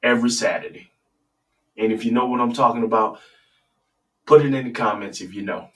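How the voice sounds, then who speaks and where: A man hosting a casual live sports talk stream in a low early-morning radio voice, talking straight to his viewers. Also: brisk, distant mic, rough recording. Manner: relaxed, talks straight to viewers, asks for comments. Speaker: sports talk show host.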